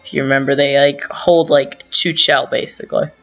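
A man talks through a strategy game, rambling and thinking aloud with frequent self-corrections. His voice sits at a middling pitch. The recording sounds dull and lo-fi, with faint music underneath. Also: flat delivery, moderate pace, fairly bright tone. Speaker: gaming channel host.

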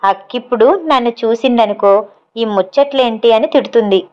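Brief: cheerful young guy on the phone, light and joking, voiced by a female storyteller, slightly high. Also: fairly quick, darkish tone, muffled recording, natural voice. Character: young man, easygoing and laughing.

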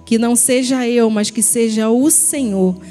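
Slow, earnest woman preaching at church. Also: a little high, mellow, soft background music. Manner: earnest, slow and deliberate, addressing viewers as brothers. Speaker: ministry team member preaching. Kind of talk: church sermon with prayer. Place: church stage at a pulpit, indoors. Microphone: handheld mic.

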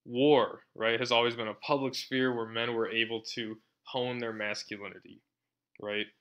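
A man's voice: medium pitch, flat delivery, normal speed, smooth, muffled recording. Man lecturing with a sarcastic edge. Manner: conversational, frequent tag question "right?". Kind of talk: university lecture.

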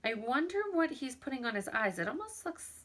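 A woman teaching young children from home, speaking slowly and clearly, sounding out words and encouraging them. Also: high-pitched, sing-song, a bit bright. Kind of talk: remote lesson for young children.

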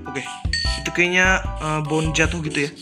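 Brief: young male gaming YouTuber, high-pitched, chatty and excitable, loud game music behind him. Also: moderate pace. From Indonesia. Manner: excitable, chatty, frequent exclamations and giggles. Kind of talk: casual gameplay commentary. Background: game music and sound effects.

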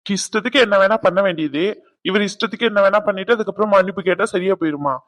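A man voicing a hot-tempered, blunt husband in a cartoon drama, who scolds loudly and throws insults. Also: sits high, quick pace. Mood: scornful.

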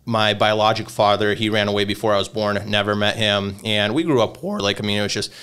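Smooth-voiced young man, rambling. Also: fairly low pitch, a little fast, fairly bright tone. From Lithuania. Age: 20s. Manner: rambling, hesitant, many fillers. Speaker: podcast guest, pinstriper. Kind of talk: casual interview storytelling.

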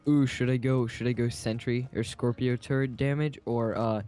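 A man's voice: mid-range voice, fairly even intonation, moderate pace, mellow, faint music behind. A young man chatting casually as he co-hosts a video game playthrough. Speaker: gamer co-host of a let's play. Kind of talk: casual gaming chat.

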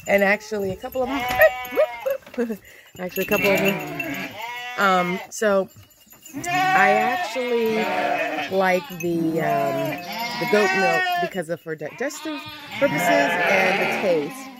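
A woman in her thirties filming herself on a phone at an outdoor farm pen, talking in a relaxed, unhurried way with many ums and restarts while goats and sheep bleat around her. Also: mid-range voice. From Panama. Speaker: farm vlogger. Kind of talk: casual vlog walkthrough. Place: outdoor farm, open-sided animal pen. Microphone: phone held at arm's length. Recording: loud bleating animals and outdoor noise. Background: goats and sheep bleating loudly.

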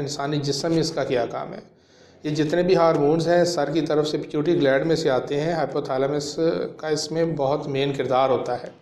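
A man in his thirties, a homeopathic practitioner, explaining a medicine to camera in a measured way with frequent fillers, in a small room. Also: on the high side, a little mellow. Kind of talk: educational talk to camera. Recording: echoey room.

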